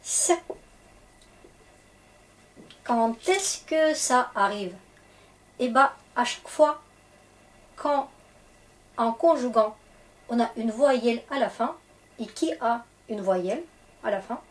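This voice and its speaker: A woman's voice: on the high side, slow, long pauses. A woman with a Russian accent teaching Russian grammar in French, explaining patiently and checking in often. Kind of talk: grammar lesson for French speakers.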